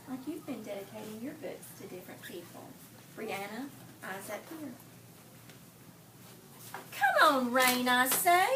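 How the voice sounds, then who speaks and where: A teacher with a fairly high voice reads a picture book aloud to young children, telling the story expressively with slow, deliberate phrasing and pausing to ask her listeners questions. She sits some distance from the microphone, and room noise is clearly audible.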